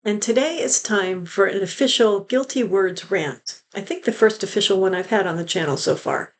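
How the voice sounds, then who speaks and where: A woman hosting her own channel, delivering an indignant, emphatic opinion rant and slowing down to hammer her points home. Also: mid-range voice. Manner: indignant, emphatic, slows down to stress words. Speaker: host of a true-crime language channel.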